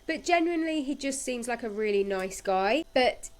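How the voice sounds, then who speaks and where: A woman with a voice pitched a touch high talks through the week's soap plot in relaxed, chatty fashion. She tells the story with lively energy and playful asides. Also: normal speed. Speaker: podcast host recapping a soap. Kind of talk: casual chat.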